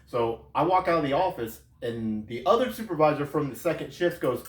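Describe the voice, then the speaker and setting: Animated, chuckling man telling a story. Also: on the high side, brisk. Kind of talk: casual funny story told to camera. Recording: roomy sound, voice far from mic.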